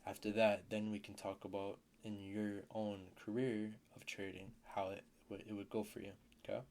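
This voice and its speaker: A man's voice: fairly low pitch, level tone, moderate pace, darkish tone, a little hiss or hum. A man teaching a casual trading lesson as a mentor, blunt, swearing now and then and repeating key terms.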